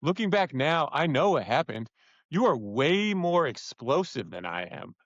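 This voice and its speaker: A man hosting a podcast in casual chat, animated and laughing as he tells stories. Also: fairly high pitch, unhurried, no echo. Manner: animated storyteller, acts out quotes, laughs often. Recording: dull lo-fi podcast audio.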